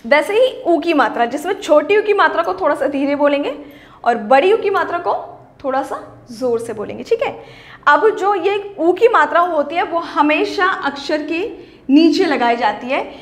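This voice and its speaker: A woman teaching a primary school Hindi class online, patiently drilling words slowly and often asking "ठीक है?" with a rising lift. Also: high voice, animated. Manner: slow, drawn-out word drills. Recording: roomy echo.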